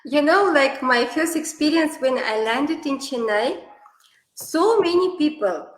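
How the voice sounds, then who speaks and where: Her voice is high-pitched and animated, at a measured pace, and the recording is roomy and of poor quality. She's a Kazakh-accented woman from Kazakhstan, natively a Kazakh speaker, telling stories with many fillers in non-native English. She is a classical dancer appearing as a guest in an online interview.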